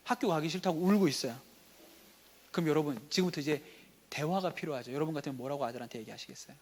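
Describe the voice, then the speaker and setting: A man's voice: on the high side, very fast. A man preaching a sermon as pastor, talking conversationally and asking the congregation rhetorical questions. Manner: conversational, acts out everyday dialogue. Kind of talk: sermon at a teachers' revival meeting.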